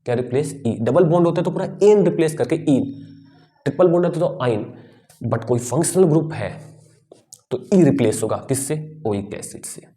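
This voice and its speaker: A man's voice: a little high, expressive, moderate pace, mellow. A man teaching a class, explaining step by step, asking his students questions and answering them himself. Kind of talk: classroom lecture.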